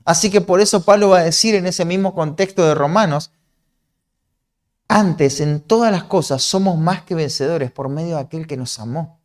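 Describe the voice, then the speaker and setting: A man's voice: on the high side, normal speed, darkish tone. A man from Argentina with a Rioplatense accent, preaching an earnest, explanatory sermon that often checks in with a questioning "¿no?". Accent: Rioplatense Spanish.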